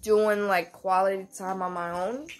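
A young mother talks casually to her viewers about parenting. She speaks slowly and softly, with a middle-pitched voice. She uses lots of fillers and pauses as she thinks out loud. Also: flat delivery, slight background noise. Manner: soft-spoken, many fillers, candid. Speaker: mom vlogger. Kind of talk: casual vlog talk.

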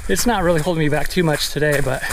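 A man's voice: on the high side, quick pace, noisy background. A middle-aged man with a slightly wheezy voice, tired from illness, chatting casually to a camera as he hikes. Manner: talking while hiking. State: tired, recovering from respiratory illness. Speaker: vlogger. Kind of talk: casual vlog chat. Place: outdoors on a desert trail. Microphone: camera at arm's length. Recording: outdoor trail audio under music. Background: music.

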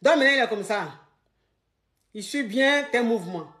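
A woman giving relationship advice in a lively, emphatic monologue, acting out scenes and repeating points for emphasis. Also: fairly high pitch, moderate pace.

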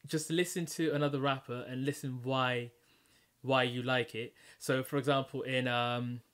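A man hosting a casual podcast chat, calmly talking through his own rap songs and what he learned, often restarting his sentences. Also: moderate pace, smooth. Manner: low-key, reflective explaining with frequent restarts.

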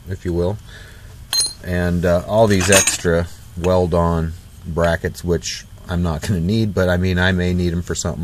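A DIY vlogger with a low voice talks casually through a trailer repair outdoors on a driveway beside the trailer. His off-the-cuff how-to is folksy and rambling, full of fillers and restarts, with slight background noise.

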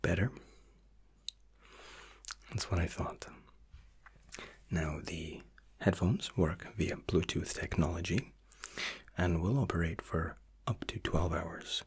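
ASMR role-play: man as formal, reassuring flight attendant, low-pitched, unhurried, close-miked. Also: husky, exaggerated voice. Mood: soothing, attentive. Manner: flight attendant's formal, soothing service patter.

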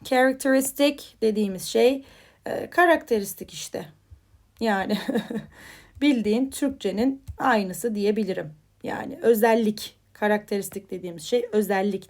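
A woman teaching English vocabulary to Turkish learners in a chatty, informal way. She says each headword with a lift and then explains it more quietly, checking in with "tamam mı?". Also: mid-range voice, moderate pace. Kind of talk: vocabulary lesson.

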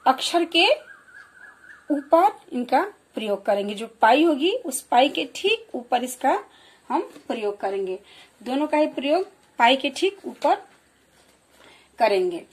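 A woman giving a slow, clear children's lesson, explaining and repeating example words. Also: high voice, sing-song. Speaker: primary school teacher.

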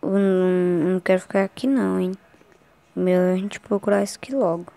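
A woman's voice: lowish voice, fairly quick, gravelly, warm tone, dry recording. Scared Brazilian woman playing a horror game. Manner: scared, anxious, repeating short phrases. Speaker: gaming streamer. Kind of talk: casual horror game play commentary.

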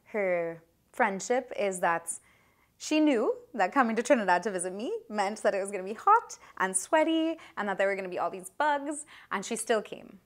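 An earnest woman in her thirties gives a wedding toast, speaking heartfelt and a little halting, with frequent pauses and restarts. Her voice sits in a middle pitch for a woman. She speaks into a handheld microphone in a reception hall. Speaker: maid of honor.

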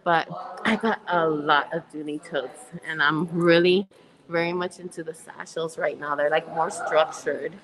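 A woman in her fifties hosting a chatty live shopping stream from inside a store, gushing and excitable, laughing often and greeting viewers by name. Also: sits low, unhurried, crowd noise, rough recording. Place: indoor retail shop.

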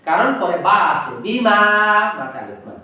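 Man teaching quran reading, spells out letters, repeats the words slow and chanty, high-ish voice, really echoey room. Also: big pitch swings, pushed and bright, far from the mic. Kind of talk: step-by-step pronunciation lesson.

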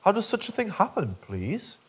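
A man voicing a polite, old-fashioned elderly male farmer who is secretly a monster, with a husky voice. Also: high-pitched, huge pitch swings, normal speed, pitched above the performer's own voice, full character voice. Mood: courteous. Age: older.

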